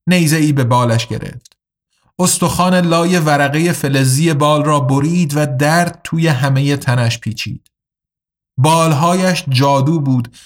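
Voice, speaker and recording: A man reading a science fiction story aloud as a steady, measured narrator. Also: on the high side. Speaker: audiobook narrator. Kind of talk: scripted narration of a sci-fi story.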